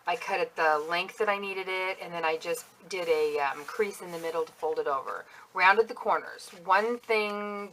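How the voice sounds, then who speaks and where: A woman's voice: lowish voice, pushed and bright, poor audio. A woman giving a casual show-and-tell walkthrough of her handmade planner, chatty and self-critical, with lots of ums and asides. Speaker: planner crafter vlogger.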